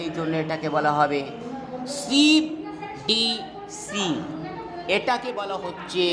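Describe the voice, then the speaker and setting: A woman, teaching English literature and often checking that students follow. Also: mid-range voice. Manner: checks in with rhetorical questions. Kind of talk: explaining a poem in a lesson. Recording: long hall reverb, clear background noise.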